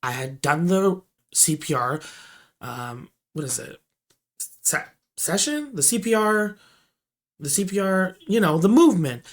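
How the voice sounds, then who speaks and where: A mid-pitched storyteller recounting a shift as a store manager. The delivery rambles with restarts and keeps lurching from loud, emphatic bursts down to low murmurs. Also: expressive, a little slow, pauses often. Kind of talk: storytime vlog.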